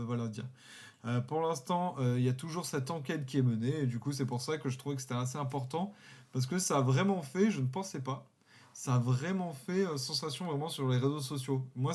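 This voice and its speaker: A man's voice: mid-range voice, a little mellow. Guy chatting on a football podcast, explains stuff in long loose sentences. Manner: chatty, explains at length, jokes lightly. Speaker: podcast co-host. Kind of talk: casual sports podcast talk.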